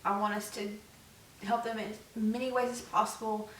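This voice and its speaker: A woman's voice: on the high side, little pitch movement, moderate pace, a bit bright. A young woman co-hosting a vlog, chatting casually and rambling with many fillers. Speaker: vlog co-host. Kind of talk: casual chat. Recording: echoey room, mic at a distance.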